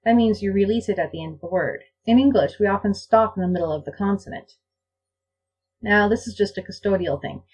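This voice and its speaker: A woman lecturing on pronunciation over slides, reading example words out one by one, slowly and deliberately. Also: medium pitch, darkish tone, breathy edge, rough recording. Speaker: language teacher.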